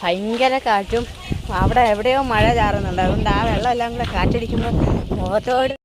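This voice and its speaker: A woman's voice: on the high side, brisk. A woman vlogging casually outdoors, exclamatory and mixing Malayalam with English words. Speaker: travel vlogger. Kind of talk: casual travel vlog chat to viewers, Malayalam-English mix. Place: outdoors at windy hill viewpoints. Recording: very loud wind and vehicle noise.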